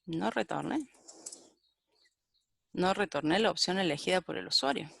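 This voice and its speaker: A woman's voice: on the low side, animated, normal speed, creaky, slightly rough. A woman giving a live-coding programming lecture and thinking aloud as she types and corrects herself. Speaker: programming teacher.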